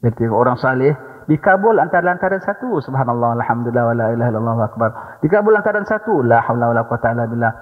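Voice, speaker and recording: A man's voice: medium pitch, animated, very fast. A man with a Malaysian accent giving a religious lecture as a teacher, prodding listeners with rhetorical "ha?" questions and humorous asides. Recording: dull recording in a long-echoing hall.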